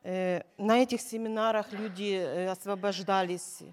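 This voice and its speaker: A woman from Ukraine telling a personal church testimony in short, halting phrases with many hesitations, pausing for an interpreter. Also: mid-range voice, fairly even intonation. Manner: hesitant, many filler sounds. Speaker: church member giving a testimony.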